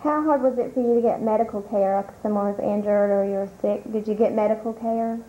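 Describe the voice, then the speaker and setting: A woman's voice: medium pitch, fairly even intonation, brisk. A woman interviewing and informally explaining what is being shown. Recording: dull lo-fi sound, faint noise.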